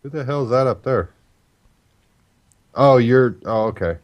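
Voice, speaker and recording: A man's voice: medium pitch, measured pace, dull audio. A man playing a tabletop game, talking casually with the other players. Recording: faint background noise, clicks.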